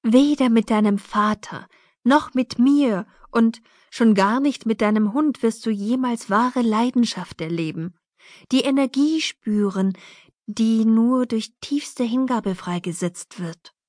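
A woman's voice: a little high, takes it slowly, a little mellow, dry recording, studio quality. A woman voicing a frank, free-spirited mother who talks about intimacy in a breezy, matter-of-fact way, read in an audiobook.

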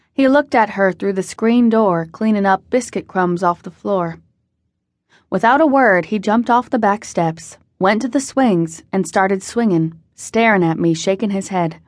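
A woman reading a novel aloud in steady, measured first-person narration, recorded on a close studio mic. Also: medium pitch, no room sound. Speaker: audiobook narrator.

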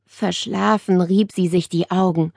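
A woman narrating a children's audiobook with expressive storytelling. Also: fairly low pitch, measured pace, creaky, no room sound, studio quality.

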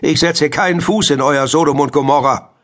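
A man's voice: moderate pace, a bit bright. A man voicing a stern, nagging old great-grandmother in a children's audiobook. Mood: scolding. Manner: shrill, nagging complaints. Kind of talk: audiobook character voice.

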